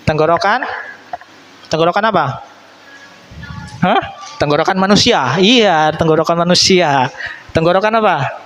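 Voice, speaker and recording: High-voiced man quizzing children, slow-paced. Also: a bit bright, slight background noise, low-quality recording. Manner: coaxing, quizzing with quick questions; playful, chuckles often. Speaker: Quran recitation teacher. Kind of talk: classroom teaching to children. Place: children's Quran study class.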